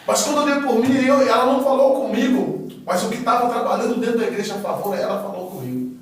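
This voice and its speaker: A man giving a casual spoken testimony as a guest, animated storytelling that acts out quoted dialogue. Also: high-pitched. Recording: echoey room, far from mic, faint noise.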